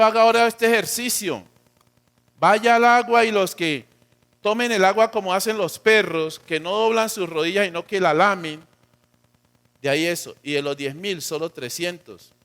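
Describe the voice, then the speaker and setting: High-voiced Colombian pastor preaching. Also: male voice. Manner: preaching with big swings between loud emphasis and quiet drops; acts out quotes of God and of church members. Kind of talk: sermon.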